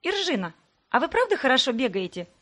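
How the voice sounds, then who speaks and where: Woman doing pushy twin girls, squeaky high, rapid-fire questions, storybook. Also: lively intonation, a bit bright. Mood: eager chatter. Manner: rapid breathless questions, shrill. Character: lively teenage twin girls, chattering and pushy.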